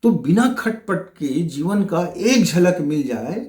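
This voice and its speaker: A man's voice: sits high, big pitch swings, slow pace, darkish tone, reverberant. A middle-aged man, a spiritual teacher, giving a motivational talk that calls listeners friends and runs through long lists of rhetorical questions.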